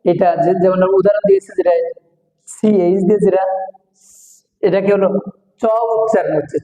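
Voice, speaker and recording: A pronunciation teacher giving a classroom lecture, slowly repeating each sound and word several times for the students. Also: mid-range voice, level tone, warm tone, reverberant, in a large hall, low-quality recording.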